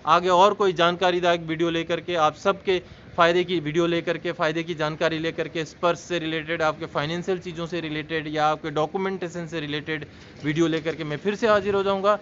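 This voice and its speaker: Male vlog host, high-pitched, earnest and explanatory, faint background hiss. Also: steady tone, fairly quick, fairly bright tone. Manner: earnest, explanatory, addresses viewers as friends. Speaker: YouTube channel host. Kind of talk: informational vlog address. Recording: slightly dull sound with faint noise.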